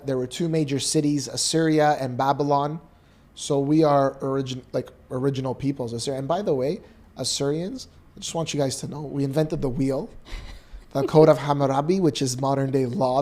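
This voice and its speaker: Male co-host, casual chat, animated storyteller, mid-pitched. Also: moderate pace. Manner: animated storyteller, acts out voices. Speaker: podcast co-host.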